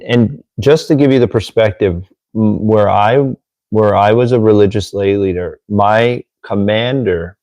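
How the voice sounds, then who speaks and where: Low gravelly man on a dry mic. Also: darkish tone, dry recording, poor audio. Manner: chatty and self-deprecating, fiddling with audio gear. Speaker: host, former Marine Corps religious lay leader. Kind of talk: casual livestream talk, reading from a handbook. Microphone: desk microphone with gain control. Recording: dry, close, slightly clipping mic.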